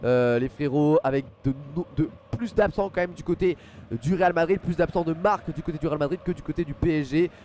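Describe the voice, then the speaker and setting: There's slight background noise as this young man from France, voice on the high side and dark in tone, talks a little fast on his headset mic. He's streaming live football from a small room at home, giving pre-match commentary, reading chat aloud, filling his speech with fillers and naming viewers as he thanks them.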